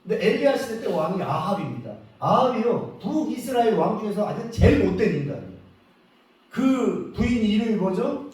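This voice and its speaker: Man, pastor, revival sermon, jokey, high-pitched, distant mic. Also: normal speed. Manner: animated, joking, acts out prayers. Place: church sanctuary. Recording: echoey hall from far off.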